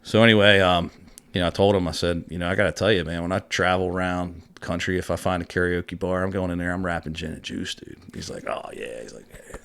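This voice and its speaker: A middle-aged man from Maryland telling a story in casual chat. He talks in an animated way, laughs often and says "you know" a lot. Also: low voice, fast, clear, resonant tone. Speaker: podcast guest.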